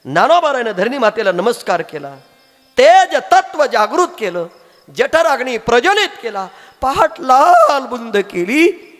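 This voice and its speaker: A man's voice: very high voice, sing-song, a little slow, a bit bright. A male devotional preacher telling a saint's story with strong emotion and drama. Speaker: kirtan preacher. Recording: echoey hall with faint music.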